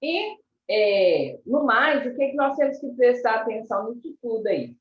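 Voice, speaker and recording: A woman with a Brazilian Portuguese accent teaching a primary school class, speaking slowly, repeating words and stressing syllables. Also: a little high, very animated. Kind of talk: recorded class lesson. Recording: echoey room, distant mic, dull sound.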